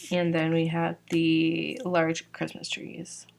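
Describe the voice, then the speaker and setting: Here the same Georgia shop owner speaks slowly and unhurriedly, her delivery completely flat and creaky, her voice a bit low and worn as though she's been losing it. Still chatty and leaning on "like" and "um," she casually shows off her new sticker releases.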